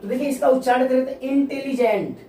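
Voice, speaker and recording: A woman teacher giving a classroom-style grammar lesson, asking questions and answering them herself, repeating key terms and reading example sentences slowly. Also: sits high, dark tone, soft background music. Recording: echoey room, distant mic, faint noise.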